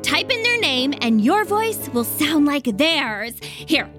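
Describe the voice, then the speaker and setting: A woman voicing a boastful, scatterbrained and excitable genius dog in a children's comedy audio drama. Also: sits high, slow pace, soft background music, exaggerated voice. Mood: playful. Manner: giddy, giggly, easily distracted.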